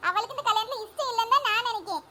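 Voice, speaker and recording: A woman's voice: very high voice, racing. A woman playing a scheming young female friend who meddles with sly asides, in a village comedy skit. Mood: persuasive. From Tamil Nadu. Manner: pleading then sly asides. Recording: loud background noise.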